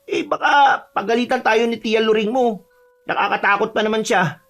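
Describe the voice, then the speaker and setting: A man's voice: high-pitched, normal speed, gravelly, fairly bright tone. A man voicing a jumpy, easily scared young man from the city in an audio horror story. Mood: nervous. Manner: nervous, whiny and fearful.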